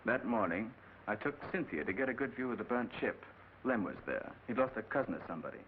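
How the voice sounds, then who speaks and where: A man's voice: fairly low pitch, expressive, fast, lightly acted. An actor playing a hot-headed, desperate young accused man, in 1940s crime film style. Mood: defensive, tense. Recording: tinny, hissy old film soundtrack.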